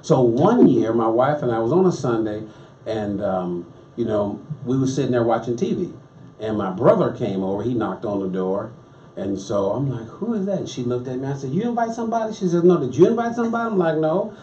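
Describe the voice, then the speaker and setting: A married man telling lively stories in a conversation, acting out the dialogue as he goes. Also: mid-range voice, moderate pace, a little hiss or hum. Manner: animated storyteller acting out dialogue. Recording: distant, roomy, dull with faint ambience.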